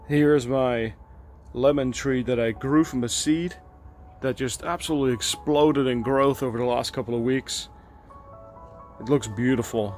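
A gardening channel host gives a casual, enthusiastic tour of his home garden outdoors, filming on a handheld camera and chatting with fillers. His voice is medium-pitched and a little mellow.

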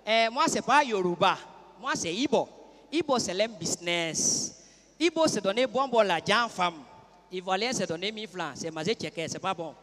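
A pushy Igbo trader with a Nigerian accent, coaxing a woman in broken English and small bits of French, as a man acts him out. The voice sits high, with a sharp, bright edge. A long hall echo trails each phrase. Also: lively intonation, moderate pace. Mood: boastful.

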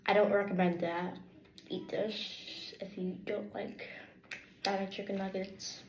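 A woman's voice: medium pitch, level tone, unhurried. A woman casually reviewing food in a rambling, offhand way while her mouth is full of sandwich. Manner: rambling and offhand, with filler words. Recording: echoey room with faint noise.

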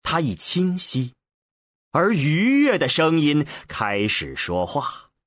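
A male narrator tells the story in a deliberate, expressive storytelling style. His pitch rises and falls dramatically while the pace stays unhurried. The voice has a husky grain and sounds dry and close. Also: dry recording. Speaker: audiobook narrator.

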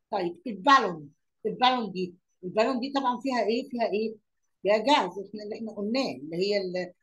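A woman's voice: mid-range voice, highs cut off. A woman with an Egyptian Arabic accent teaching young pupils. She repeats words, asks questions aloud and mixes English lesson words into her Arabic explanations.

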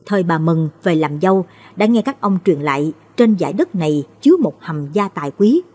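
Husky woman telling a late-night story. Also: lowish voice, expressive, fairly quick, warm tone.

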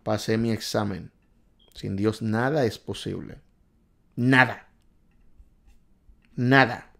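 Excitable man hosting a live quiz. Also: lowish voice, takes it slowly, vocal fry. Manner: excitable, reads out viewers' answers, jokes and scolds. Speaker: livestream host quizzing viewers on driving test. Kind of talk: casual live quiz stream.

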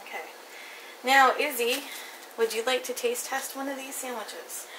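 A woman with a slightly high voice runs a casual cooking demonstration in her home kitchen, teasing playfully and laughing often as she works. The recording is noisy, with clattering dishes and cutlery behind her. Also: fairly even intonation, measured pace. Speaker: cooking vlog host and mother.

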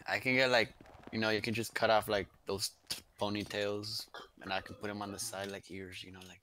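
A man role-playing a wounded character over voice chat, joking in a flat, low-key way. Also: a little fast, a little hiss or hum. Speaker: fellow player, wounded character. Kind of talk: deadpan game role-play over voice chat.

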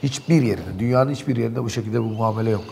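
A man's voice: medium pitch, quick pace, vocal fry, mellow, slight background noise. A man in a local TV studio, animatedly and indignantly recounting events in heated talk.

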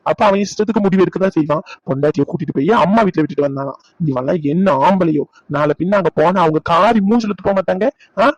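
A man's voice: sits high, no echo, poor audio. A man voicing a stern scolding old father. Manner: shouting, scolding. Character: stern angry old father, head of the house. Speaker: voice actor. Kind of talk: cartoon dub acting.

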